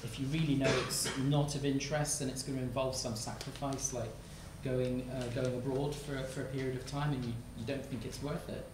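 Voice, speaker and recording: A panelist in their thirties speaking in a relaxed, self-deprecating way. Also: mid-range voice, brisk, few pauses. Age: 30s. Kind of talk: panel discussion. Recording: echoey hall, mic far off, some noise.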